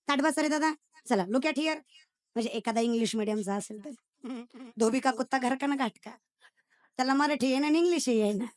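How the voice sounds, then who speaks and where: A young woman giving a comic devotional sermon. She teases the crowd, fires quiz questions at them and slips in English phrases. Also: high-pitched. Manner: teasing, quizzes the audience and mixes in English phrases. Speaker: kirtan preacher. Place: stage at a devotional gathering.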